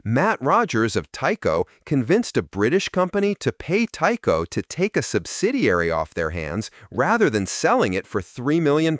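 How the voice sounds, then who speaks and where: A man reading a scripted explanation in an even, explanatory delivery. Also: medium pitch, no echo, studio quality. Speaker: narrator. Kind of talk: scripted narration.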